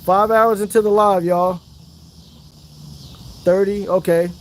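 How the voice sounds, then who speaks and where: A chatty man talks to his livestream viewers from a fishing spot outside. His voice sits high for a man, and there is faint outdoor noise with crickets and insects behind him. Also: steady tone, takes it slowly. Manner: chatty, hypes up viewers, Southern slang. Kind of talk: casual livestream chat. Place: outdoors by the water.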